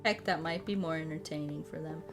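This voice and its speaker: A woman live streamer with a deep voice, speaking a little fast, chats casually to viewers on a gaming stream. She rambles, repeats herself and swears freely, with background music playing under her voice.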